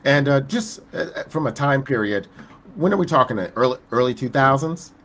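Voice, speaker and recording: A man's voice: medium pitch, lively intonation, a little fast, a bit bright. A man hosting an interview, asking curious questions and thinking aloud as he goes. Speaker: podcast host. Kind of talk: conversational interview.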